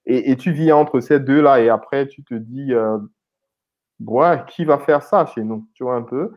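A man from Cameroon, in his thirties, speaks at an ordinary middle pitch. He talks in a loose, hesitant way, full of fillers and restarts, as an interview guest. The audio sounds slightly dull and lo-fi. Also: a little slow. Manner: hesitant, many repeated words and fillers. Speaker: guest, IT consultant and founder. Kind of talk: casual interview conversation.

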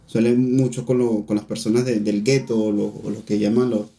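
A man's voice: on the low side, little pitch movement, brisk, dark tone. A man from Venezuela with a Venezuelan Spanish accent, a podcast co-host rambling in casual, self-mocking chat.

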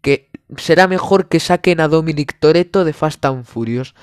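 A man's voice: fairly high pitch, normal speed, smooth, no room sound, clean studio sound, close to an everyday voice. A young man playing a nagging, doting middle-aged mother in a comedy monologue. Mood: scolding.

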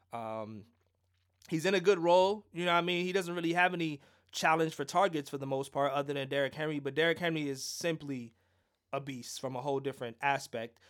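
A man's voice: on the high side, a bit bright. A man co-hosting a casual fantasy football show, joking and teasing his partner in a loose, chatty way. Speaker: fantasy football podcast co-host. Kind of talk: casual sports chat.

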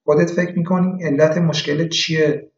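A man reading a story, voicing a calm hospital doctor who asks patients gentle questions. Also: fairly high pitch, voice pushed up, natural voice. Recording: echoey room, dull lo-fi.

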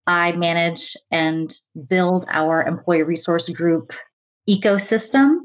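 A woman from the United States speaking in an interview about her work leading diversity and inclusion, earnest and measured, often saying "really" and "kind of.". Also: fairly low pitch. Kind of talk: conversational interview.

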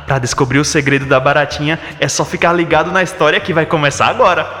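A man narrating a scripted children's story in an expressive, theatrical way. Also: fairly high pitch, fast. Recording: echoey, long reverb, music behind.

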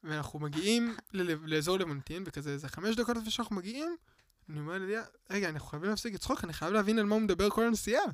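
A man's voice: high-pitched, animated, dry recording. A man telling personal stories as a guest in a casual chat, rambling with many filler words and acting out the voices of people he quotes.

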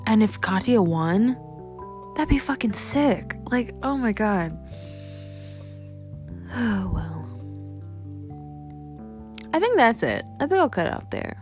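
A woman's voice: a little high, very animated, slow, pauses often, music in the background. A young woman hosting a casual solo podcast, rambling with lots of fillers and casual swearing. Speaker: podcast host.

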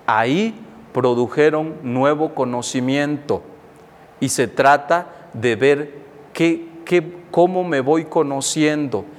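Male friar, reflective sermon, slow delivery, long hall reverb. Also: medium pitch. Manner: slow, reflective, acts out inner dialogue. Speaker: Franciscan friar preaching.

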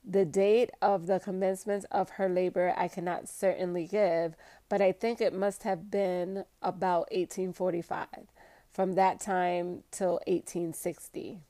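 A woman hosting an episode, reading a history book aloud and breaking off for excited, chatty asides, sometimes stumbling over hard words. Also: lowish voice, unhurried, no room sound.

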